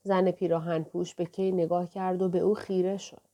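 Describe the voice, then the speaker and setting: Female audiobook reader; gentle, steady delivery, mellow voice. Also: on the low side, muffled recording. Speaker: audiobook narrator. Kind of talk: scripted narration.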